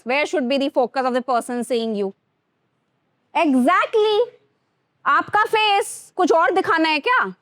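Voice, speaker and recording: High-voiced Indian woman teaching a class. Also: no room sound, clean studio sound. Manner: mixes Hindi and English, addresses students directly. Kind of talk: classroom workshop on grooming.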